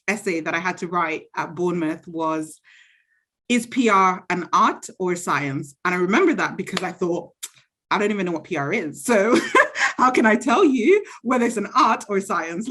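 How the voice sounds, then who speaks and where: A woman from Zambia, around thirty, gives casual interview answers. Her voice sits on the low side and she comes across as chatty and sure of herself, often pausing to reflect. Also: animated, fairly bright tone. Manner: chatty, self-assured, reflective. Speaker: interviewee, university graduate.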